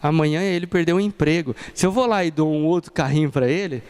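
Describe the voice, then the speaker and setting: A man's voice: on the high side, fast, a little mellow, smooth. A Brazilian man in his thirties preaching a sermon and telling family stories, acting out the people in them. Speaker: pastor. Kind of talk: sermon with personal storytelling.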